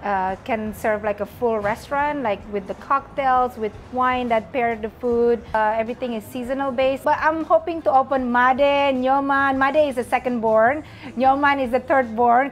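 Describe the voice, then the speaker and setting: A young woman from Indonesia with an Indonesian accent, a restaurant owner telling her story in an interview with hesitant fillers. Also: on the high side. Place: restaurant dining room, indoors.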